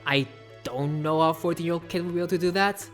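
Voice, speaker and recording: A woman's voice: lowish voice, fast, soft background music. A woman narrating a casual video essay with sarcastic, offhand asides.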